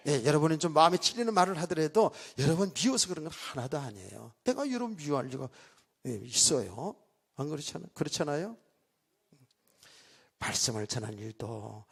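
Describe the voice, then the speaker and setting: Man, middle-aged, pastor, sermon, chatty asides, gravelly, husky. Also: mid-range voice. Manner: chatty, joking asides to the congregation. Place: church sanctuary.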